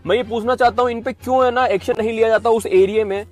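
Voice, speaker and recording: Heated woman ranting, high voice. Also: steady tone, quick pace, faint music behind. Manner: heated, indignant, repetitive. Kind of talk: angry political rant to camera.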